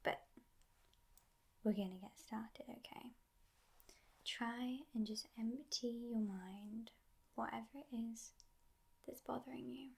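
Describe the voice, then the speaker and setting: A woman playing a teasing but gentle devil in a whispered ASMR role-play, in a breathy, hushed voice with musing pauses. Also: fairly high pitch, heavily acted. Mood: coaxing, soothing.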